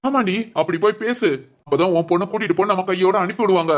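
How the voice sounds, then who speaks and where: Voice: mid-range voice, quick pace, close to an everyday voice. A man voicing an angry, domineering husband in a cartoon, scolding his wife harshly. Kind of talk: cartoon family drama voice acting.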